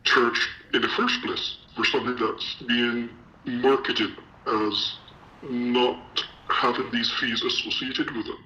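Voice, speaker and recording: A man's voice: mid-range voice, flat delivery, takes it slowly, bright, forceful tone, dull audio. Man with a disguised, altered voice. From Ontario, Canada. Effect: electronically altered, disguised voice. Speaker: news interviewee. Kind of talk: interview clip.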